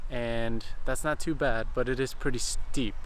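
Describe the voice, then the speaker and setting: A man's voice: mid-range voice, steady tone, unhurried, slight background noise. Breathless man narrating a mountain hike. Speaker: host, photographer. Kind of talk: casual hiking vlog narration. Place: outdoors on a mountain trail.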